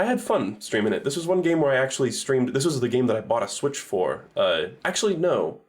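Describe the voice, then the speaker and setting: A man giving casual, rambling game reviews on a stream, swearing freely and correcting himself as he goes. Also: medium pitch.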